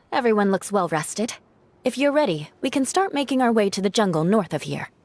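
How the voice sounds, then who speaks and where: A woman voicing a steady adventurer who leads the group, calm, firm and matter-of-fact, in a game cutscene. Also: mid-range voice, normal speed, no echo.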